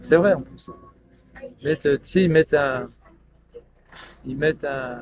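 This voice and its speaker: A man's voice: a little high, moderate pace, background noise. A man chatting loosely to his live stream viewers on a headset, rambling and laughing often.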